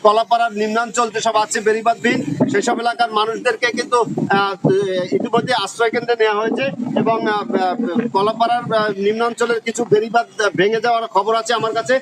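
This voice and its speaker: A man's voice: very high voice, level tone. A man with a Bangladeshi accent giving an unscripted live field report outdoors, stumbling and repeating words. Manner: halting, stumbling over words, frequent repeats. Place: outdoors at a stormy seaside. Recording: very noisy windy outdoor storm location.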